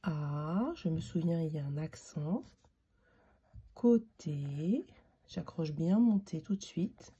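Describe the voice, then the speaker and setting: A patient woman teacher talks young children through handwriting, naming each letter as she forms it. Her voice is very dark and husky. The sound is dull and lo-fi. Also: low-pitched. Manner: slow, patient, spells out each letter while writing.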